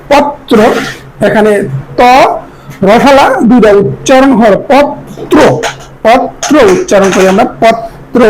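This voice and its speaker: A woman teacher with a fairly high voice gives a grammar lesson to students. She slows down to sound out each word clearly and carefully. A faint noise sits behind her. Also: darkish tone, low-quality recording.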